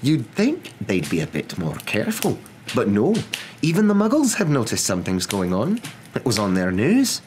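A man's voice: on the low side, sing-song, moderate pace, pitched above the performer's own voice. A man voicing a stern, irritable older witch professor in a storybook reading, with a clipped, exasperated manner. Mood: impatient, irritated. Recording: clear background noise.

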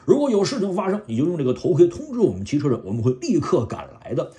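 A man voicing a noble male robot leader, speaking slowly and gravely in a lowered voice. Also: huge pitch swings, warm tone. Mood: solemn.

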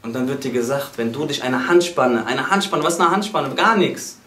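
A man preaching to a gathered audience in a hall, his voice carrying with a noticeable room echo. He speaks with fervour and emphasis, repeating key words and breaking into exclamations. His pitch sits in an ordinary middle range for a man. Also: lively intonation, brisk, a bit bright. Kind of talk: sermon to a gathering. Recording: roomy echo.

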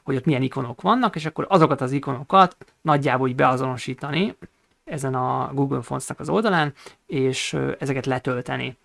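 A man teaching a coding tutorial over a screen recording, explaining each step and pausing often on hesitation sounds. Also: medium pitch, vocal fry, a bit bright, dry recording. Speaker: programming instructor.

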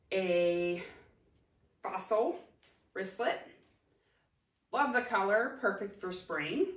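A woman in her forties from Ohio, a thrift reseller vlogger, chats unhurriedly in a medium-pitched voice as she holds up her thrift finds one by one, with many ums. It's a casual haul show-and-tell filmed in her home kitchen by a distant camera, so the sound is roomy and her voice far off.

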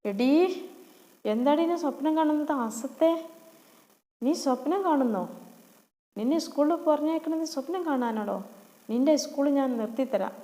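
A woman's voice: high voice, normal speed, long pauses, mellow, big-room sound, voice pushed up, lightly acted. A woman with a Malappuram accent voicing a cruel middle-aged stepmother who scolds harshly. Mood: scolding. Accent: Malappuram Malayalam.

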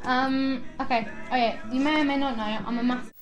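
A young woman vlogging to her camera, rambling excitedly and giggling as she chats. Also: sits high, fairly quick, muffled recording. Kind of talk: casual chatty vlog.

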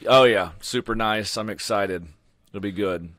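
A man's voice: on the low side, a little slow, fairly bright tone, dry recording. A man who is a preacher, a guest on a podcast, chatting in a laid-back, joking way. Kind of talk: casual interview chat.

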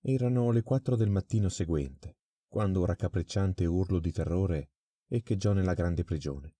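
A man reading a crime story aloud in a measured, dramatic storytelling manner. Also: low-pitched, mellow. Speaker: audiobook reader. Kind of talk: scripted story narration.

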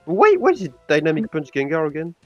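A man's voice: on the high side, wildly swooping pitch, darkish tone, muffled recording, faint music behind. A man on a podcast, stammering as he questions and breaks down a game's moves. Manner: stammering, quick to question plays. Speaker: podcast guest. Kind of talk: casual gaming commentary.

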